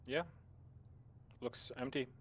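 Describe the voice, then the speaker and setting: A man with a raspy voice acting as gunner, giving quick blunt reports to his crew over a headset. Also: mid-range voice, flat delivery, a bit bright, slight background noise. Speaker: vehicle gunner. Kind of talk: gameplay team radio chat.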